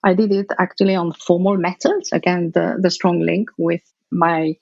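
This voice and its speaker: A middle-aged woman from Algeria speaks in a low, gravelly voice, answering interview questions thoughtfully and sometimes restarting a phrase mid-thought. The audio is dull and lo-fi, with a dry, close sound. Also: steady tone, normal speed, no echo. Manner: thoughtful, searching for words, restarts. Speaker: guest researcher.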